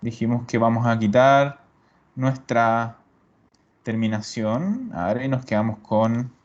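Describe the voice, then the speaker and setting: Slow, patient male language teacher. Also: mid-range voice. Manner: patient, repeats students' answers. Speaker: Italian teacher. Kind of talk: explaining grammar in a live class. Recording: dull lo-fi recording.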